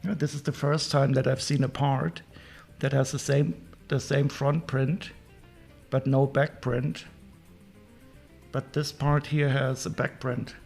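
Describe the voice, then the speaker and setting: Brief: German-accented male streamer, gravelly and flat, chatty, musing aloud, faint music under. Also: mid-range voice, slow. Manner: chatty, muses aloud while sorting parts. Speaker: livestream host. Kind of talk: casual livestream chat.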